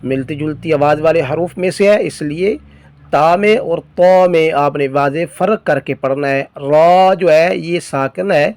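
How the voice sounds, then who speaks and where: A man teaching Quran reading, patiently explaining rules and spelling out letters slowly. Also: fairly high pitch, darkish tone, no room sound. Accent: Pakistani Urdu. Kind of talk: spelling-out lesson, slow drawn-out recitation of letters.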